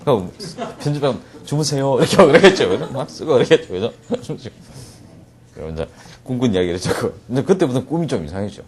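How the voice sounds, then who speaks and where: A man's voice: mid-range voice, sing-song. A man teaching English reading in Korean, translating a story line by line and joking as he acts out scenes. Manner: jokey, acts out scenes with quick asides and laughs.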